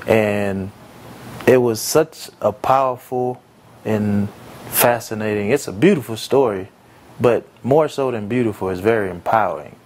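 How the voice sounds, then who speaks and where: A young adult man, born in Haiti and raised in America, is interviewed as an entrepreneur. He answers earnestly and reflectively, pausing often and using fillers. His voice is fairly low with a darkish tone.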